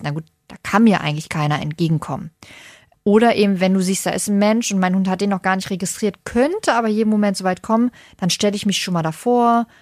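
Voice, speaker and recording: A woman's voice: on the low side, darkish tone, no room sound, studio quality. Woman coaching on dog care. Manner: explains patiently with everyday examples. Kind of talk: casual podcast chat.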